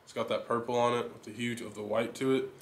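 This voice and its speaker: A young man hosting a fishing channel, giving a steady, enthusiastic rundown of his lures in a casual chat. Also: medium pitch, fast talker, slight background noise. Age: young adult. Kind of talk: casual gear talk to camera. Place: indoor living room.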